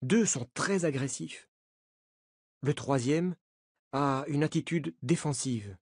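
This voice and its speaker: A narrator reading a novel aloud in a slow, clear, learner-paced way. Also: medium pitch, darkish tone, no echo, studio quality. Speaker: audiobook narrator. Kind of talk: scripted narration of a graded-reader novel.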